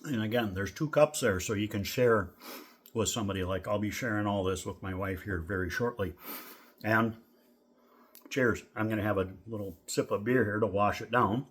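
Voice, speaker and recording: Easygoing low-voiced man from Minnesota. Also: normal speed, breathy edge. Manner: rambling, easygoing, with many fillers. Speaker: vlogger. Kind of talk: casual food review vlog.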